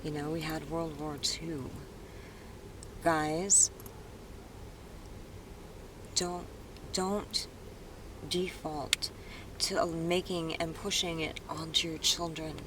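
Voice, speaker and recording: A woman vlogs from an indoor room, speaking without a script in a somewhat low voice. She is earnest and rambling, often breaking off mid-thought and starting again. Loud street noise drifts in through an open window behind her. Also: steady tone, drawn-out words, long pauses. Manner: earnest, rambling, with many restarts. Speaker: dance vlogger. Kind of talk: unscripted vlog monologue.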